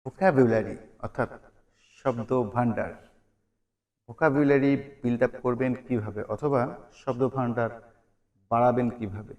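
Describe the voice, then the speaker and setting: A man's voice: medium pitch, moderate pace, pauses often, darkish tone, dull audio. A man teaching a vocabulary lesson. He repeats each word and its meaning as a drill, and he asks questions and then answers them. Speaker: English teacher.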